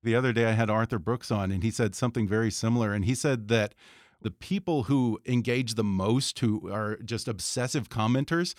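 A man's voice: lowish voice, a little fast, no echo, studio quality. A man hosting an interview podcast, casual and agreeable, affirming often and asking follow-up questions. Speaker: podcast host.

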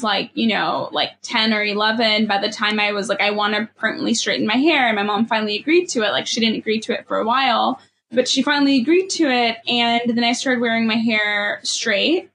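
With a fairly high, slightly bright voice and a little hiss or hum in the recording, a young woman from Ethiopia reflects candidly as a guest. She has a California Valley girl accent and fills the personal conversation with "like" and "you know."

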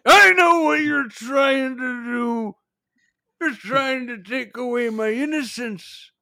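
A man putting on an old-timey voice for a paranoid, cranky old war veteran who shouts indignantly and keeps laughing at himself. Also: extremely high pitch, slow, gravelly, no echo, clean studio sound, full character voice. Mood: angry.

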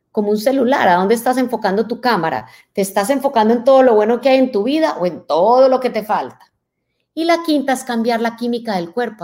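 Lively woman giving a motivational talk. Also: mid-range voice. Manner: lively, rhetorical questions to listeners. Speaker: motivational speaker.

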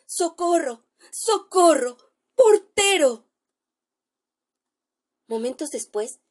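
A woman reading a classic short story aloud as narrator, in a measured storytelling manner with dramatic pauses. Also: a little high, a little mellow.

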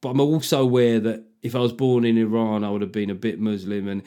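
A man's voice: fairly low pitch, level tone, fast, warm tone, smooth. A man hosting a podcast, a stand-up comedian chatting casually with sardonic, sweary jokes. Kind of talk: casual chat.

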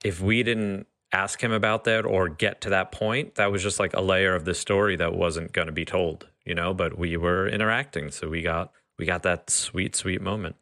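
A man's voice: low-pitched, fairly even intonation, normal speed, hardly any pauses, pushed and bright, dry recording, studio quality. A man co-hosting a podcast, speaking in an easygoing, thoughtful way. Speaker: podcast co-host. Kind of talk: casual chat.

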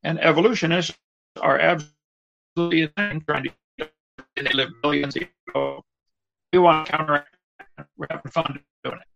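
A man's voice: on the high side, fairly even intonation, normal speed, creaky, long pauses, a bit bright, dull audio, soft background music. A man on a remote internet call whose audio garbles and breaks up as he speaks emphatically, like a preacher. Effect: garbled audio breaking up over a bad internet line. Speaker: interview guest.

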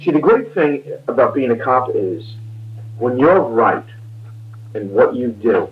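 A man's voice: medium pitch, expressive, unhurried. Plain-spoken man on a muffled, humming recording. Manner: plain-spoken, emphatic, acts out dialogue. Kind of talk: informal explaining. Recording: muffled lo-fi tape with faint hum.

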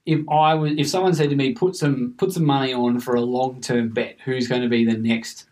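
An Australian man co-hosting a casual cricket podcast, talking in a rambling, animated way and laughing often. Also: mid-range voice, a little fast. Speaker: podcast co-host. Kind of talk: casual chat.

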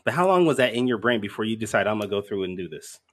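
A man's voice: lowish voice, sing-song, very fast. A man hosting a live podcast with casual, bantering talk. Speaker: podcast host.

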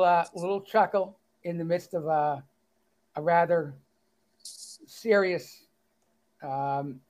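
Reading his own story and chatting casually as a guest, a Boston-accented author comes across as good-humored and self-deprecating, with fillers sprinkled in. His voice is fairly high and a little mellow. The audio quality is poor.

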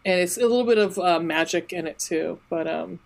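A woman's voice: on the low side, fairly quick, gravelly, darkish tone. Rambling, gushing woman podcast co-host. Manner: gushing, swears freely, rambling restarts. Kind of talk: casual chat.

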